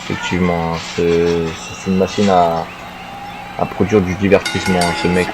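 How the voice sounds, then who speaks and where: A man working as a wrestling co-commentator, adding measured remarks on the action. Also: low voice, flat delivery, crowd noise.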